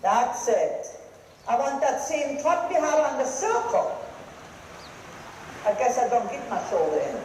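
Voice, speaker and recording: Casting: riding coach, high and very lively voice, firing off brisk projected commands in short phrases. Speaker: riding instructor. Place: large echoey riding arena. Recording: very echoey hall, some noise.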